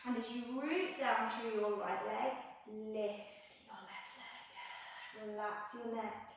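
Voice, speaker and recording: A woman's voice: fairly high pitch, steady tone, slow, a little hiss or hum. Slightly breathless woman guiding a yoga class. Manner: gentle, encouraging instructions with breath cues, light self-mocking asides. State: slightly out of breath while moving. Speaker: yoga instructor. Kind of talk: guided yoga class cueing. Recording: echoey room, mic set at a distance.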